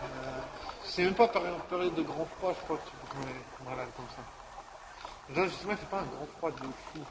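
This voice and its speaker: A young guy's slightly high voice moves fairly quickly against a noisy background. Vlogging outside, he rambles casually in slang about his day, teasing himself about being cold and catching something.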